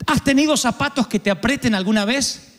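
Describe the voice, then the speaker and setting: An Argentine preacher delivers a lively sermon in a fairly high voice, mixing jokes with sudden shouted lines as he acts out other people. The sound carries the long reverb of a large hall. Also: a little fast. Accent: Argentine Spanish. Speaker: pastor.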